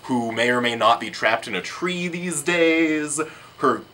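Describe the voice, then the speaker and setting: Lively bright-voiced man pitching comics. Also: measured pace, a little hiss or hum. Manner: lively, playful, upbeat pitching. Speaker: comic shop show co-host. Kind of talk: casual comic book recommendations.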